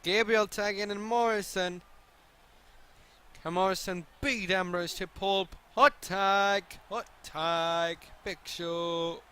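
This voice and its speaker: Bright, high-voiced excitable male streamer. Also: slow, smooth. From continental Europe, outside the British Isles. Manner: excitable, joking, swearing freely. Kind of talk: live gameplay commentary and chat replies.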